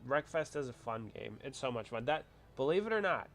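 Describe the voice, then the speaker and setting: Here the livestream host sounds sing-song and a little fast, his pitch medium. He's an adult man with a wife, congested with a cold, rambling chattily to his viewers and reading their comments out.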